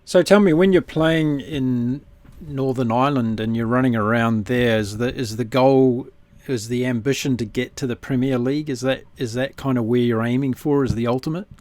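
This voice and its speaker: A man's voice: medium pitch, steady tone, normal speed, darkish tone, no room sound. A man hosting a conversational interview, putting questions to a guest. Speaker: interview host.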